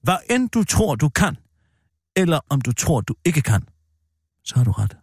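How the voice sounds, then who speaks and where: High, lively voice; man plays a haughty female manager who fires people on a whim, dry close mic. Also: husky, dry recording, heavily acted. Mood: lecturing. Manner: pompous, imperious, cutting. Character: bossy middle-aged woman boss Kirsten Birgit. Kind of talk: improvised comedy sketch.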